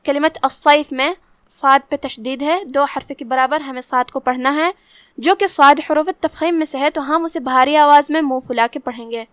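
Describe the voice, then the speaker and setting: A woman teaching Quran recitation rules, explaining each letter calmly and reciting verses very slowly. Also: high-pitched, no room sound. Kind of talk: tajweed lesson with slow recitation.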